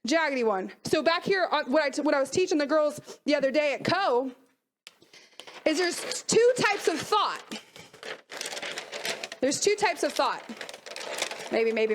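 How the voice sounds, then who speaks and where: A woman mental performance coach giving an energetic motivational talk to a youth team, often asking the audience questions. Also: sits high, slight background noise.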